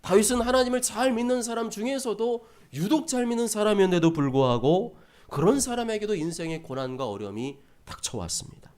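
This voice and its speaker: A man's voice: high voice, a little mellow. A man preaching a sermon as a pastor, conversational and emphatic, with repeated phrases and rhetorical questions to the congregation.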